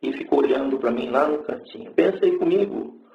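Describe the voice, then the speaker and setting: A man's voice: mid-range voice, brisk, creaky, roomy sound, phone-quality sound. A man giving a fervent religious testimony to a congregation, telling his story and rising into exclaimed praise. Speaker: church member giving testimony.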